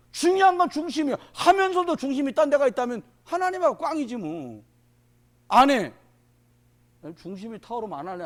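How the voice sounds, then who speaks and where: Male pastor, sermon at a prayer meeting; high and very animated, chatty and jokey, jumps from loud outbursts to hushed asides. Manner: colloquial and joking, swinging between loud exclamations and quiet asides. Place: church.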